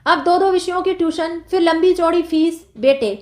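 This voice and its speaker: A woman's voice: extremely high pitch, steady tone, moderate pace, a little mellow. A woman reading the lines of a worried, apologetic, timid mother. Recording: roomy echo.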